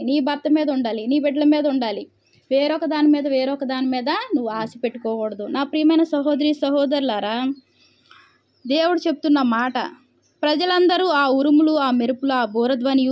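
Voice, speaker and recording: Reading scripture and unpacking its meaning, a high-voiced woman preaches a sermon, asking questions of her audience only to answer them herself. The audio is lo-fi.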